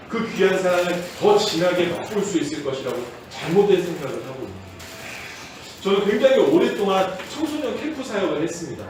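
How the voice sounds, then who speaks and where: A male pastor giving a Sunday sermon, telling stories in a lively way and sometimes acting out loud, shouted prayers. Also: high-pitched, very echoey, far from the mic, a little hiss or hum, poor audio. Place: church sanctuary.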